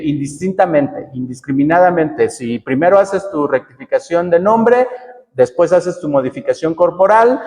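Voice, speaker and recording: A woman's voice: low voice, mellow. A woman from the coast of Oaxaca with a Mexican accent, leading a workshop and explaining patiently while often checking with her listeners. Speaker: workshop facilitator. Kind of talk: teaching a workshop. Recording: long reverb in a hall.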